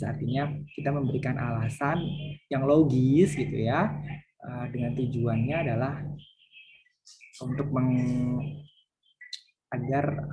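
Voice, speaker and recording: A man's voice: medium pitch, noisy background. A man lecturing university students, explaining patiently and acting out example phrases.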